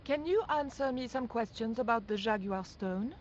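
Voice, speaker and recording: A woman's voice: a little high, normal speed, slight background noise, lightly acted. A woman voicing a determined young female investigator who asks direct questions in a video game. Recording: dull game audio with faint music.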